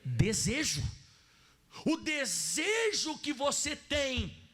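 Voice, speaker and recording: A man's voice: extremely high pitch, sing-song, extremely slow, bright, forceful tone. A man with a Brazilian Portuguese accent preaching a sermon as a pastor, emphatic and repeatedly addressing the congregation as brother.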